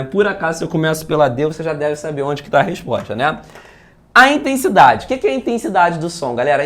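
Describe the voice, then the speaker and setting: A man with a Brazilian accent, a physics teacher working through exam questions in a video lesson, talking in a lively, chatty way and often asking his students if they follow. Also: sits high.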